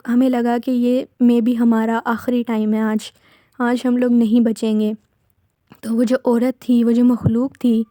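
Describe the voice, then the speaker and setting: Storyteller: woman, Pakistani Urdu accent, level low-key delivery, mellow tone, dry close sound. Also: dry recording. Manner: retelling a brother's account, slipping between third and first person; unhurried, rambling spoken narration with self-corrections. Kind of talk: narrating a true horror story.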